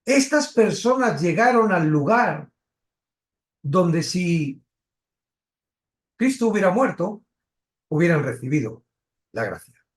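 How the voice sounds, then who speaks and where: A man's voice: sits high, very animated. A man from teaching a Bible study, asking questions and stressing key words. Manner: questioning, emphatic, pauses and restarts.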